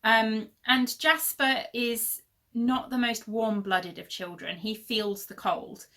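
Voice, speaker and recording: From her home, a woman in her thirties hosts a casual knitting podcast, chatting and rambling with plenty of fillers. Her slightly high, bright voice is forceful yet steady in tone, and she speaks slowly. She's losing her voice, which sounds a little worn.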